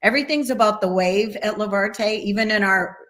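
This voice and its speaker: A woman's voice: medium pitch, fairly quick, fairly bright tone. A woman who owns a travel agency, speaking earnestly as a guest in a casual video interview.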